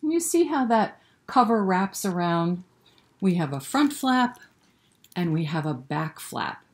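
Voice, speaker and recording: Speaking in a lowish, sing-song voice at a slightly slow pace, this woman leads a children's story time. Her read-aloud is interactive and includes singing, and she addresses the little ones directly, asking questions and cheering them on.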